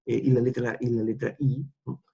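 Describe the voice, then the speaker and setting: A man's voice: mid-range voice, completely flat delivery, moderate pace, vocal fry, mellow, slightly rough, highs cut off. A middle-aged man with a Peruvian accent, lecturing students and tagging nearly every phrase with a question, with frequent restarts. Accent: Peruvian Spanish. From Peru.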